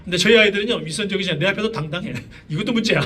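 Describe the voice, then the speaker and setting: A man's voice: high voice, racing, sharp tone. A middle-aged male pastor preaching a sermon in a casual, conversational way, often asking the congregation questions. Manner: conversational preaching with many fillers and rhetorical questions. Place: church sanctuary. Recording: voice from a distance, faint room noise.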